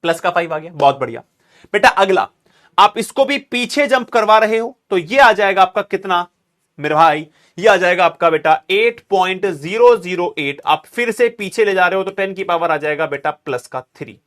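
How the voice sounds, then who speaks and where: A man's voice: high-pitched, animated, moderate pace, fairly bright tone. A man teaching a chemistry class, mixing phrases into his explanation, calling students "beta" and urging them to make some noise. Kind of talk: classroom lecture.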